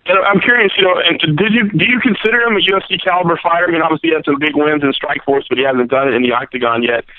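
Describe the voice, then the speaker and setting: Male sports reporter, rapid delivery, press-call questioning, narrow telephone audio. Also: fairly high pitch, no echo.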